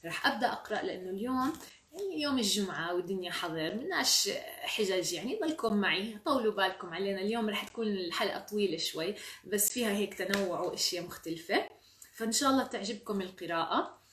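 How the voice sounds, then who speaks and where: A woman's voice: mid-range voice, expressive, fast, fairly bright tone, slight background noise. A woman with a Levantine Arabic accent hosting a children's storytime, chatty and encouraging. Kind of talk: reading aloud to children. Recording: roomy sound from a distant mic.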